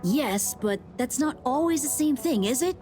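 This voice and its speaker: A curious, mischievous schoolboy explorer in a video game. The kid is casual and cheeky, a little world-weary and conspiratorial. Music plays clearly behind the voice. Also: female voice, high-pitched, lively intonation, normal speed, mellow. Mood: pensive. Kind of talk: video game character dialogue.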